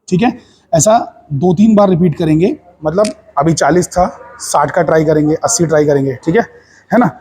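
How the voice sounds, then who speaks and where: A man's voice: a little high, a little mellow, slight background noise. A man teaching a physics lab in Hindi mixed with English, with an Indian accent. He explains step by step and keeps checking that the class follows. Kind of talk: hands-on lab demonstration.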